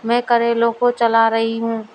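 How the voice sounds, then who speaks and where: A woman's voice: fairly high pitch, monotone, measured pace, darkish tone, a little hiss or hum, close to an everyday voice, low-quality recording. A woman voicing a naive, literal-minded young daughter-in-law in a family storybook, speaking earnestly and obediently. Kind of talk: storybook dialogue reading.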